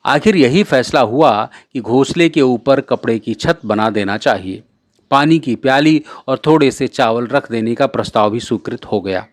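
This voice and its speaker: A man narrating a classic short story in a measured, clear reading voice. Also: medium pitch, dry recording, studio quality.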